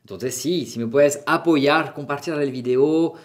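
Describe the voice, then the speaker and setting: Teacher repeating phrases slowly. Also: male voice, on the high side. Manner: repeats phrases slowly, switching between Spanish and French. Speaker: French teacher. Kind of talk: language lesson for beginners.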